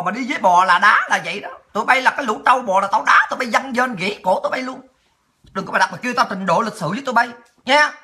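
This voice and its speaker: A woman's voice: fairly high pitch, bright, forceful tone. A woman hosting a political livestream, ranting angrily and taunting her critics with profanity. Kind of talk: angry ranting monologue.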